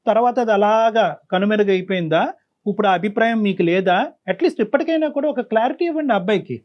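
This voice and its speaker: A man's voice: high-pitched, animated, quick pace, muffled recording. A man hosting a counseling talk show, probing the guests with pointed questions. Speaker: counselor host.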